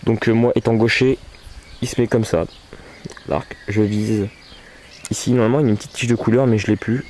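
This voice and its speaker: Low-voiced man, hesitant casual demo. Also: steady tone, fairly quick, darkish tone. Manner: hesitant, many fillers, talks to camera. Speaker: archery vlogger. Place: outdoors at home. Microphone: camcorder mic. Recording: camcorder recording with background noise.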